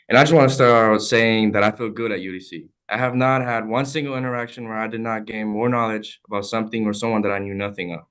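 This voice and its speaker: A man's voice: fairly low pitch, a bit bright, smooth. A young man from El Salvador, a student, reading prepared testimony at a hearing in an earnest, formal and heartfelt way. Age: young adult.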